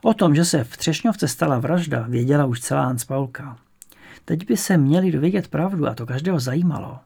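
A man narrating an audiobook in a calm, even storytelling manner. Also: on the high side, gravelly, husky. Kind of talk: audiobook reading.

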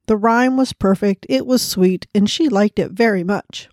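A woman's voice: medium pitch, moderate pace, no echo. Earnest woman, close dry mic. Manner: earnest, prayerful, gently storytelling. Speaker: podcast host. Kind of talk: devotional podcast and storybook narration.

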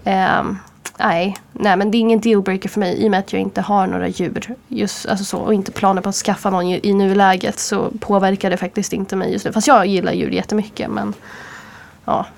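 A woman's voice: mid-range voice, level tone, creaky. A young woman from Örebro with an Örebro accent, co-hosting a student radio show, rambling and restarting with lots of fillers. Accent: Örebro Swedish. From Örebro, Sweden. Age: young adult. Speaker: radio co-host. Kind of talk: casual studio chat. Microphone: studio microphone.

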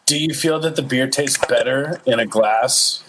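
A man's voice: mid-range voice, measured pace, noisy background. A man hosting a podcast in casual chat, rambling with lots of fillers. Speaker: podcast host.

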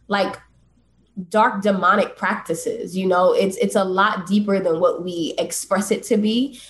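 A woman co-hosting a faith discussion podcast, speaking in a measured, earnest way with frequent fillers. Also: on the low side, a little hiss or hum. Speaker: podcast co-host.

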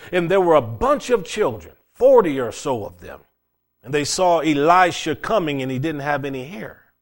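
Higher-voiced man preaching plainly. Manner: plain-spoken, repeats phrases for emphasis. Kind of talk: conversational sermon.

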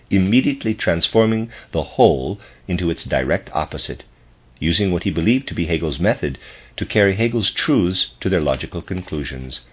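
A man with a husky voice reading a scholarly philosophy lecture aloud in a formal, deliberate, professorial manner. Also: deep voice. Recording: dull lo-fi recording.

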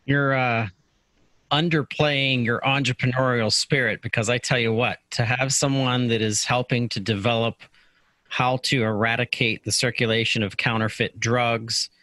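A man's voice: medium pitch, steady tone, normal speed, bright, forceful tone, dry recording, low-quality recording. A man hosting a podcast interview, speaking enthusiastically with many fillers and restarts. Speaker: podcast host. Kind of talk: casual interview.

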